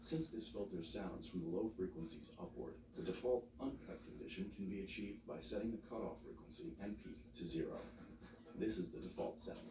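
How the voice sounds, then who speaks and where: Male tutorial narrator, low register, measured scripted instruction, recorded roomy and at some distance. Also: noisy background. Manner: measured step-by-step explaining. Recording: roomy, distant mic, music behind.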